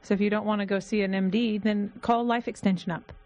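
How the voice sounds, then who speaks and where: A woman's voice: medium pitch, fairly even intonation, fast, a little mellow, highs cut off. Matter-of-fact woman co-hosting a radio show. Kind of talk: call-in radio discussion.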